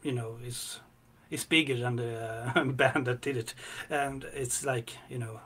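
A man co-hosting a music reaction chat, talking haltingly with many fillers and restarts. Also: medium pitch, steady tone, pushed and bright. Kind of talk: casual chat.

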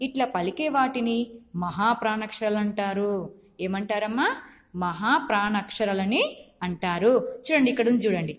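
A woman's voice: mid-range voice, animated, normal speed. A woman teacher, giving a recorded lesson to young children, patiently repeating syllables and checking that they understand. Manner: drills syllables one by one. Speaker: school teacher.

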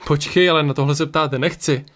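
A man's voice: on the high side, steady tone, fairly bright tone, natural voice. A man voicing a shocked, hot-tempered young man who reacts with outraged outbursts. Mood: bewildered.

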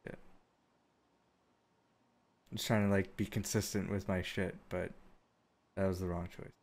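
Slow-talking, low-voiced male game streamer. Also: flat delivery, darkish tone. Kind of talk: casual live gameplay commentary.

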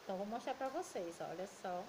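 A woman with a Brazilian Portuguese accent, a primary school teacher giving a recorded remote lesson to children, affectionate and patient, reading word lists slowly. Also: medium pitch, animated, background noise.

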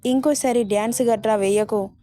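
A woman voicing a teasing, possessive young man in a spoken romance story, in a playful, gently possessive manner. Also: on the high side, steady tone, a little fast, lightly acted.

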